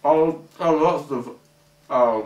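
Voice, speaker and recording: A young man talking with his mouth full, mumbling a halting, rambling monologue muffled by food as he chews. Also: on the high side, a little mellow. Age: young adult. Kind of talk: halting, rambling monologue to camera while eating. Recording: echoey room, distant microphone.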